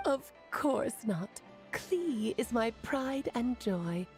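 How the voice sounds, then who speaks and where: Breezy mage mother, high and lively. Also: drawn-out words. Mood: doting, cheerful. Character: breezy, doting mage mother, playful and self-assured. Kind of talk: video game voice acting. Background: music.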